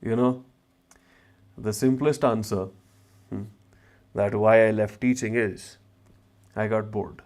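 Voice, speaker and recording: A man's voice: fairly low pitch, steady tone, takes it slowly, pauses often, a little mellow. Casual north Indian man, chatty livestream host. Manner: chatty, informal, slips between English and Hindi slang. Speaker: travel vlogger and former chemistry teacher hosting a livestream. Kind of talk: casual livestream chat answering viewers' questions. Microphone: wireless mic.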